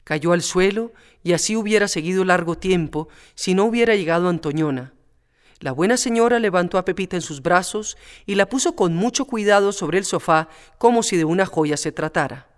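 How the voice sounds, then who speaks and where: High-voiced man narrating a storybook. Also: lively intonation, a little fast, smooth.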